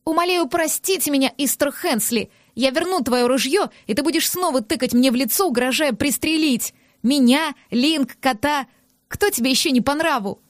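A woman voicing a hot-tempered young woman who talks in a sharp, indignant, shouting way in an audiobook. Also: sits high, moderate pace, no room sound, studio quality, close to an everyday voice. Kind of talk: audiobook character voice.

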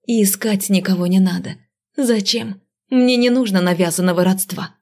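A woman voicing a fiery, sarcastic young female first-year magic student in an audiobook, talking sharp and defiant. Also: medium pitch, moderate pace, natural voice. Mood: angry. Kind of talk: audiobook character voice.

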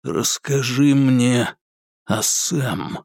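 A man voicing a calm, menacing male enforcer who speaks quietly and flatly in an audiobook. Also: medium pitch, no room sound, studio quality, natural voice. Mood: cold. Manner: quiet, flat and unhurried. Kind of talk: audiobook character voice.

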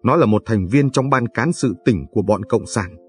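A man's voice: lowish voice, natural voice. A man reading a cold, scornful party boss. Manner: slow, measured, scornful. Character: scheming, contemptuous male party leader. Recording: dry, faint background music.

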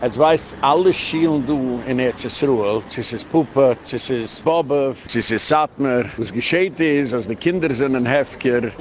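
A man's voice: medium pitch, unhurried, few pauses, slight background noise. A man giving an impassioned lecture as a rabbi, speaking emphatically and slipping English words into his speech.

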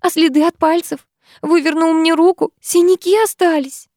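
A sobbing teenage schoolgirl shrieks her accusations in a high, tearful voice, as a woman narrator puts her on. The storybook reading is close and dry. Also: a little fast, clean tone, no room sound, natural voice. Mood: shrill. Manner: shrill, tearful outbursts.

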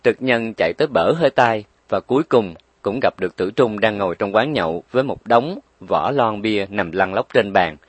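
A man's voice: fairly low pitch, moderate pace, hardly any pauses, no echo. Man narrating a story, dry close sound. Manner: steady, expressive reading. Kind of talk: story reading.

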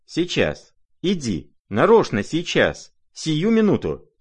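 A man voicing an irate, imperious older noblewoman who scolds in shrill, impatient outbursts. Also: big pitch swings, unhurried. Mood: scolding.

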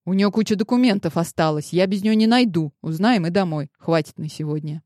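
Brisk young guy, boss's son, lady reader doing him, mellow and dry. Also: fairly low pitch, no room sound, natural voice.

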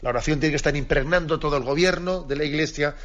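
A man speaks as a priest in a radio catechism talk, with a voice pitched slightly high. He is earnest and circles back to repeat his key phrases for emphasis. The broadcast sounds dull and lo-fi. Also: fast talker, fairly bright tone.

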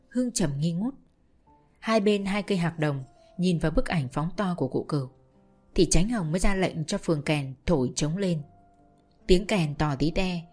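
A woman narrating a spoken story in a steady, measured way. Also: lowish voice. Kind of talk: audiobook storytelling.

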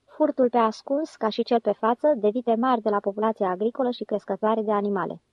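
A woman's voice: fairly high pitch, no room sound. A woman reading an earnest male driver who recites a legal article in a dry, recited way, on a dull lo-fi recording.

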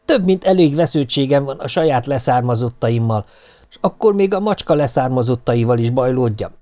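A man's voice: mid-range voice, darkish tone. A man narrating an audiobook with dry, ironic storytelling. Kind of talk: scripted narration.

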